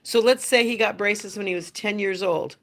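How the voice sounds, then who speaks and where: A woman's voice: mid-range voice, moderate pace. A middle-aged woman hosting a family livestream, chatting casually and patiently with her children. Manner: gentle, patient, coaching tone with kids.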